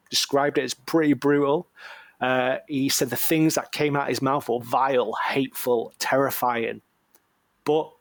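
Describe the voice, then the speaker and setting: Medium in pitch and recorded with no room sound, a male podcast co-host recounts a case story during casual conversation. He rambles, jokes and uses slang, filling his speech with ums.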